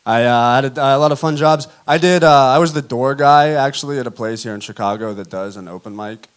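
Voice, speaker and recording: A young man performing a self-deprecating stand-up set on a theater stage, telling stories in a deadpan way. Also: mid-range voice, a little fast, clear, resonant tone. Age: young adult. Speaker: stand-up comedian. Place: theater stage before a live audience. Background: audience laughter.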